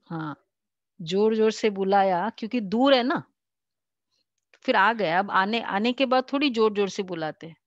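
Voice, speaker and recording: An Indian woman giving a devotional class, slowly reading and explaining scripture, raising her voice when she quotes. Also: medium pitch, no room sound, dull audio. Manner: slow, explanatory, quotes the Father in a raised voice. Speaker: spiritual teacher.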